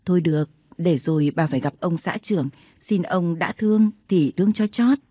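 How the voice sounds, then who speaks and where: A woman reading an audiobook, voicing a very old, wary grandmother who talks slowly and solemnly. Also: on the low side, dark tone, no room sound, lightly acted. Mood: worried. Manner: slow, measured, solemn.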